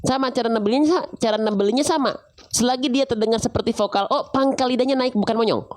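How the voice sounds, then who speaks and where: A woman teaching Quran reading to viewers. She poses questions to herself and answers them, drawing out syllables slowly to demonstrate each sound. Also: a little high. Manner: slow, drawn-out sound demonstrations; casual, relaxed phrasing. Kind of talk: tajwid lesson to viewers.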